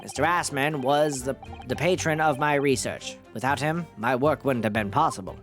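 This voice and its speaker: A man voicing an excitable, self-important scientist professor from a video game, fussy and quick to get flustered. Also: mid-range voice, music in the background, close to an everyday voice. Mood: pompous, earnest. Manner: pompous, fussy, stammering when flustered. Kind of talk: video game dialogue read aloud.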